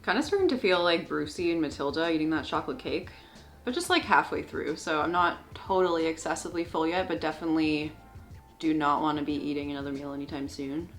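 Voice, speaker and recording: A woman's voice: low voice, fast talker, soft background music. A woman chatting casually and playfully with her partner in a vlog, teasing now and then. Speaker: vlogger's partner.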